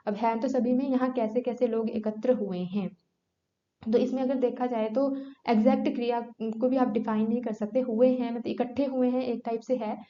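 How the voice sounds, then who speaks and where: Woman teacher going over grammar questions, slightly high voice, roomy dull recording. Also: steady tone, normal speed, dark tone. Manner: explanatory, rhetorical questions answered herself. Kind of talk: exam-prep grammar lesson. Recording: echoey room, dull lo-fi sound.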